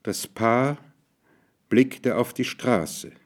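Brief: male narrator, mid pitch, slow dramatic storybook reading.

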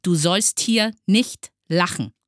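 A woman's voice: medium pitch, lively intonation, measured pace, a bit bright, dry recording, clean studio sound, voice pushed up. A woman voicing a strict male schoolteacher who barks harsh commands in a storybook reading. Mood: stern. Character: strict shouting male schoolteacher, stern and bossy.

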